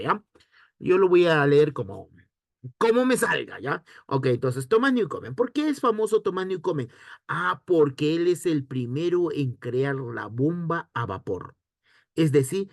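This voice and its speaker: A man teaching an online history lesson, asking himself questions and answering them in a lively way. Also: a little high, dry recording, clean studio sound. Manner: lively, rhetorical questions to students.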